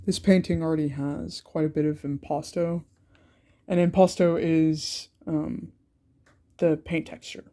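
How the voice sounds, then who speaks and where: An art channel creator, a young man nursing a cold, talks through his sketch in a casual vlog, his congested speech hesitant and peppered with ums and restarts. The voice is on the high side and mellow, with little pitch movement and a measured pace.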